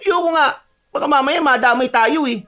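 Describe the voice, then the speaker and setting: A man's voice: very high-pitched, moderate pace, bright, forceful tone, faint music behind. A man voicing a jumpy, easily scared young man from the city in an audio horror story. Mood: nervous. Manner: nervous, whiny and fearful.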